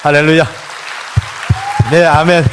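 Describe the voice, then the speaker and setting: A man's voice: level tone, slow pace, a crowd in the background, noisy background. Earnest older man giving a testimony. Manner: earnest, deeply emotional storytelling. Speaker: church elder giving testimony. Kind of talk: emotional testimony sermon.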